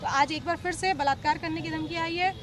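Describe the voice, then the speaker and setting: A woman's voice: very high-pitched, fairly even intonation, fairly quick, over music. A woman in her thirties, a local politician, speaking emphatically and accusingly to reporters outdoors on a city street. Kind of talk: street press interview.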